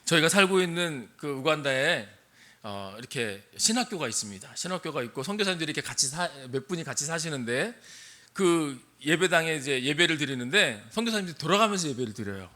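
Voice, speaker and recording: A man's voice: on the high side, animated, fairly quick, pushed and bright. An older man, a missionary pastor, preaching a sermon and asking his congregation questions. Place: church sanctuary.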